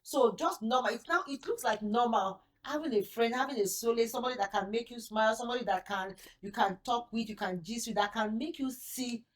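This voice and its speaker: A woman's voice: a little high, fairly quick, hardly any pauses. A woman hosting a chat show, talking reflectively and searching aloud for words. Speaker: talk show host. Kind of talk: casual chat.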